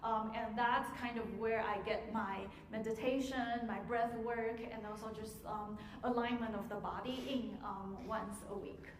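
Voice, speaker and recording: A higher-pitched woman answers audience questions at a piano masterclass, speaking in a measured way and filling pauses with ums. Her voice rings out in an echoey auditorium with a long reverb tail and a faint hiss underneath. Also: fairly even intonation. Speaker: visiting piano teacher. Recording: echoey hall, faint noise.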